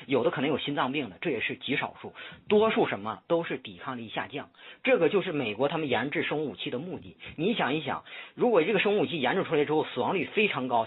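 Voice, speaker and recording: Caller: rapid, husky man on a landline phone, lecturing and insistent. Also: medium pitch. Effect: heard over a landline phone line. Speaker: caller seeking help. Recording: tinny phone line, husky.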